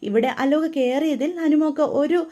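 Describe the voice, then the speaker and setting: A woman voicing a steady elder sister figure who speaks in a calm, reassuring way. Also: high voice, normal speed, lightly acted.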